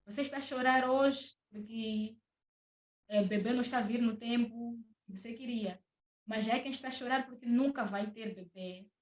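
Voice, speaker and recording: A woman's voice: on the high side, moderate pace. A young woman with a Mozambican Portuguese accent tells a personal testimony as a podcast guest, hesitating and repeating words. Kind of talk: personal testimony in casual talk. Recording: echoey room.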